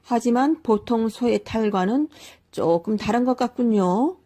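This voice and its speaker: A woman's voice: measured pace, mellow. A woman voicing a lazy young man who has been turned into an ox, speaking in a raised, pleading voice. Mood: curious. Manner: high, pleading, panicky exclamations.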